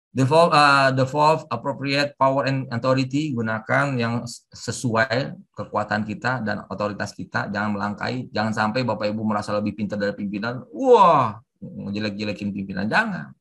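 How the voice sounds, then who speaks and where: A middle-aged man giving a webinar lecture with forceful, emphatic intonation, mixing in English terms. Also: fairly low pitch, gravelly, husky. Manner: mixes English terms into talk. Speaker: civil service trainer. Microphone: online webinar audio.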